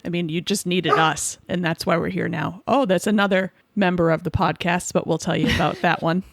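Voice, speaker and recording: A woman in her forties from the Boston suburbs, co-hosting a comedy podcast with teasing, quick quips. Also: lowish voice, steady tone, gravelly, no echo. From Boston suburbs, USA. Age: 40s. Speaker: podcast co-host. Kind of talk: sarcastic comedic chat.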